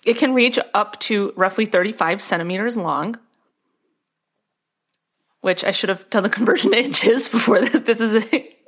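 A woman's voice: medium pitch, moderate pace, long pauses, fairly bright tone. A woman co-hosting a podcast, reading a science article aloud in casual chat and breaking into giggles. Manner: giggly, keeps breaking into laughter; chatty with many fillers. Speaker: podcast co-host.

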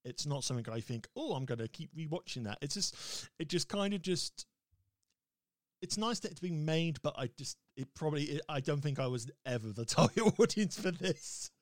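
Guy on a podcast, kinda high voice, dry close mic, laughs a lot. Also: lively intonation, normal speed, no room sound. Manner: chatty, laughs often, trails off and restarts. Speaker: podcast co-host. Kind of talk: casual chat.

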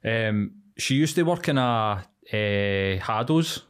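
A man's voice: lowish voice, animated, takes it slowly, clear, resonant tone. A man with a Glasgow Scottish street accent, hosting a podcast with casual, slangy, inquisitive chat. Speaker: podcast host.

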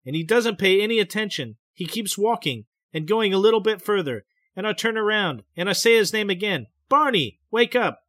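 A man's voice: high-pitched, animated, a little fast, fairly bright tone, dry recording, voice pushed up. A man voicing a frightened woman who recalls an abduction under hypnosis, tearful and pleading.

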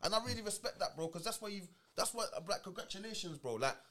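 A man's voice: high-pitched, lively intonation, fast, pushed and bright. A man with an urban London roadman accent, chatting casually in street slang, repeating phrases as he goes. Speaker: podcast guest and former co-host. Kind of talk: casual chat.

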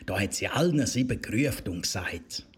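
A man with a Swiss German accent narrating a fairy tale for children in a gentle storytelling manner. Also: fairly low pitch, expressive, a little fast, slightly rough.

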